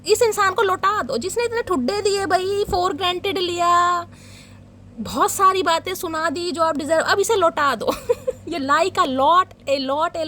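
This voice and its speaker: A woman's voice: extremely high pitch, a bit bright, a little hiss or hum. A woman reading tarot cards for her viewers in a teasing, dramatic way. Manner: teasing, dramatic, addresses viewers as guys and darling. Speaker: tarot reader.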